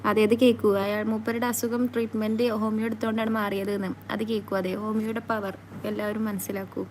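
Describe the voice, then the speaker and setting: A woman chatting casually on a live stream, reading out comments and teasing her viewers in a playful, quick back-and-forth. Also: medium pitch, little pitch movement, slight background noise.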